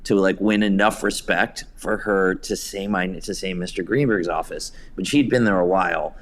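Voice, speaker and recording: A man interviewed as a theatre director tells anecdotes conversationally, with hesitant phrasing and bits of dialogue he acts out. His voice sits low at a moderate pace, with a little hiss or hum on the recording.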